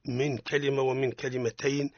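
A husky-voiced man with a Tunisian Arabic accent leads a radio recitation lesson. He patiently corrects his student and models the verses slowly. The sound is dry and a little dull, as on a radio studio recording. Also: mid-range voice, flat delivery, darkish tone, no room sound. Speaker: Quran recitation teacher.

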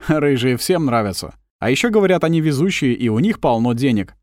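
A man's voice: mid-range voice, animated, fairly quick, a little mellow, no echo, lightly acted. A man voicing a confident, wry adult male agent who teases his partner in a dry way. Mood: confident teasing. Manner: dry teasing, self-assured.

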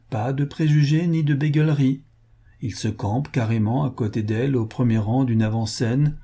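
Mellow, husky male narrator. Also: medium pitch. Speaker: audiobook narrator. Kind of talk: scripted narration.

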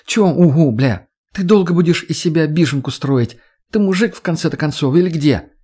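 A man's voice: a little high, fairly quick, warm tone, voice pushed up, lightly acted. A man voicing a sly, teasing young redheaded woman who swears and mocks in an audiobook. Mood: mocking.

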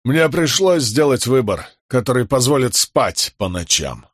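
A man voicing a weary, wounded young soldier who speaks tired and quiet. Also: mid-range voice, sing-song, a little slow, breathy edge, dry recording, clean studio sound, voice pushed up.

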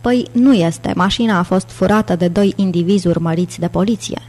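A woman's voice: lowish voice, warm tone, close to an everyday voice. A woman reading an audiobook, voicing a troubled male bank president with an urgent, tense manner.

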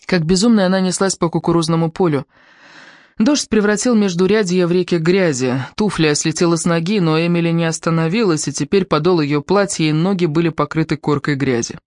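An audiobook reader narrating a thriller in a tense, even manner. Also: mid-range voice, a little fast, dry recording, clean studio sound. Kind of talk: scripted narration.

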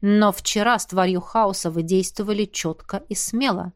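A woman voicing a calm, weary male academy rector who speaks in a measured, patient way. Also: mid-range voice, close to an everyday voice.

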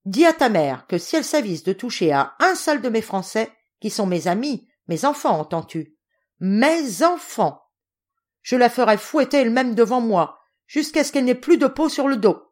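Woman doing old quick-tempered general in an audiobook, emphatic, thunders when roused. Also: expressive, darkish tone. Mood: furious. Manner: emphatic, booming when angry. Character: old irascible Russian general, gruff but tender-hearted.

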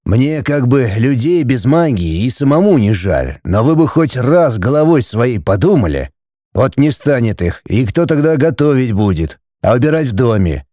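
A man voicing a stern middle-aged judge and father in an audiobook, speaking slowly and heavily as he lectures his family. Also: medium pitch, sing-song, mellow, no echo, studio quality. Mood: lecturing. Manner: slow, weighty, lecturing. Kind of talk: audiobook character voice.

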